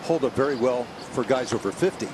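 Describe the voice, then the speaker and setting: A man's voice: medium pitch, lively intonation, a little fast. A man giving brief play-by-play commentary on golf. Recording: outdoor broadcast with clear background noise. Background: outdoor ambience.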